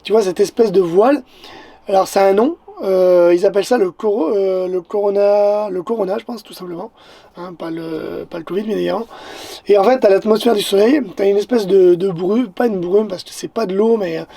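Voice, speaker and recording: A man with a Québécois accent, a photographer talking casually to the viewer in an excitable vlog, often stammering and repeating words. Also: sits high, a little fast, gravelly. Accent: Québécois French. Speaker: photographer and vlogger.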